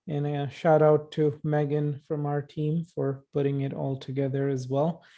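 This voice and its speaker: A young man chats casually as a podcast co-host. His voice is very mellow and dark, with little rise or fall in pitch. He speaks into a headset. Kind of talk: casual chat. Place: indoor room, video call.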